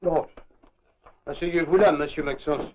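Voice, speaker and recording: A pompous, ceremonious police commissioner, played by an actor in an old film: formal speech, a fairly high male voice. The sound is dull and lo-fi. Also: steady tone, a little slow, close to an everyday voice. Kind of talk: 1930s French film acting.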